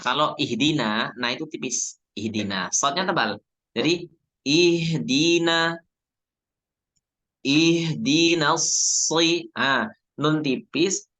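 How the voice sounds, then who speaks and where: A man teaching Quran recitation in an online class, patiently drilling letter sounds by repeating them slowly. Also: medium pitch, sharp tone.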